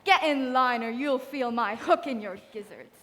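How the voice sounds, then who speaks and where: A woman playing a blustering, threatening male pirate captain with a hook, in a gruff, theatrical audio-drama manner. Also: fairly high pitch, moderate pace, in a large hall, very noisy, natural voice. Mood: menacing.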